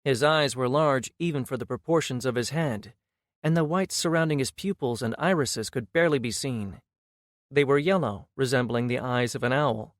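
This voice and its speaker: A man reading a fantasy audiobook in steady, measured scripted narration. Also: mid-range voice, no echo, studio quality.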